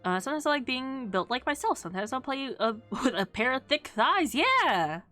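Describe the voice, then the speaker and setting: A woman's voice: high voice, animated, fairly quick, fairly bright tone. Playful woman streamer with music behind. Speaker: VTuber streamer. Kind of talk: casual livestream chat with viewers.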